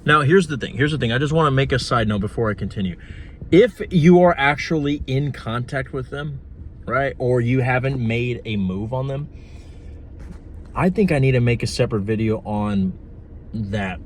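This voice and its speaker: A man's voice: mid-range voice, lively intonation, moderate pace, a little hiss or hum. A man giving blunt, profane dating and manifestation advice in a casual vlog. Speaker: manifestation coach.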